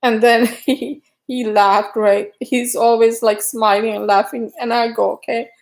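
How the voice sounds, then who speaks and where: Slow-talking woman hosting a livestream. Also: fairly high pitch, flat delivery, gravelly, darkish tone, poor audio. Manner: greets viewers by name, talks haltingly with restarts. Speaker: livestream host. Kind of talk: casual livestream chat.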